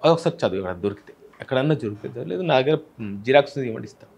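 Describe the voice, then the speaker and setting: A man's voice: mid-range voice, animated, very fast, gravelly, darkish tone, slightly rough. A man with a Telangana Telugu accent, a film director, explaining his film in an interview with examples from village speech. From Telangana, India.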